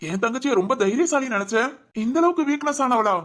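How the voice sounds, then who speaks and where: A woman's voice: high-pitched, lively intonation, fast talker. A woman doing a caring, teasing older brother. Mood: reassuring. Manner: gentle, coaxing, affectionate teasing. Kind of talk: cartoon voice acting.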